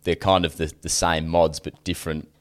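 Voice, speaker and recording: A man's voice: low-pitched, flat delivery, moderate pace. A man with a broad Australian accent hosting a podcast in a blokey, laid-back, slangy, chatty way. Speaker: podcast host. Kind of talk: casual chat.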